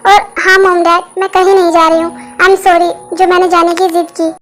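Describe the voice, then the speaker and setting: A woman's voice: very high voice, level tone, normal speed, fairly bright tone. A woman voicing a stubborn, sulky pregnant young wife who talks insistently, in a Hindi fan dub. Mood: hurt. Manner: insistent, petulant. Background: background music.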